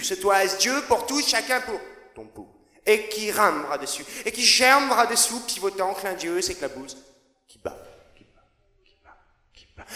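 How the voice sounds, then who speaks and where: A man's voice: high voice, sharp tone. A man performing rhythmic spoken-word poetry in a chanted, incantatory delivery, with a repeating refrain that often drops to a whisper. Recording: reverberant with a long hall echo.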